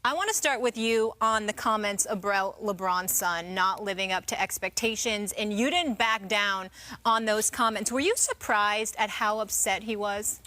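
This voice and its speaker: A woman's voice: medium pitch, moderate pace, bright, forceful tone. A woman hosting a sports talk show, welcoming and questioning a guest in a broadcast interview style.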